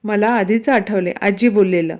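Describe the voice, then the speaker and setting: A woman voicing a protective, playful young husband in a storybook romance, reassuring and teasing in a mellow voice. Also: medium pitch, moderate pace, natural voice. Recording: dull, lo-fi recording.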